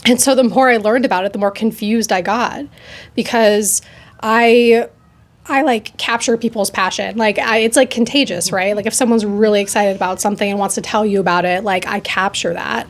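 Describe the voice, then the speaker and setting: A young woman in her twenties, freshly graduated in occupational therapy, chats quickly in a casual interview, often saying "like" and restarting her sentences. Her voice is medium-pitched and her tone stays steady.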